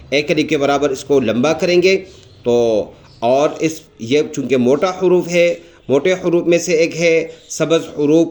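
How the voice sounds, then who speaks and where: A Quran teacher with a Pakistani Urdu accent patiently shows beginners how to pronounce Arabic letters, drawing out each letter sound as he demonstrates it. His voice is medium-pitched and a little mellow.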